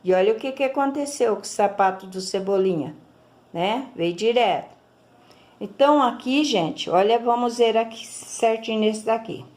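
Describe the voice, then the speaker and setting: A woman's voice: a little high, moderate pace, darkish tone. A Brazilian woman teacher, giving a recorded lesson and explaining each step patiently, checking in often with her pupils. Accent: Brazilian Portuguese.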